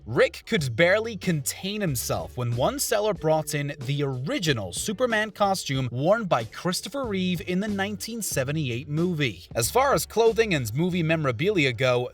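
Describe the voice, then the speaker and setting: A man's voice: on the high side, a bit bright. A man reading scripted top ten countdown narration in a punchy, breezy way.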